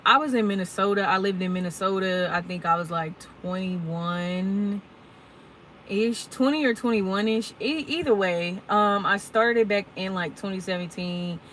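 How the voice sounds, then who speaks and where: A woman's voice: medium pitch, a bit bright, a little hiss or hum, rough recording. A woman in her twenties, a truck driver chatting casually and candidly to her viewers in a live Q&A, full of y'all and ums. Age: 20s. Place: at work, unloading her truck.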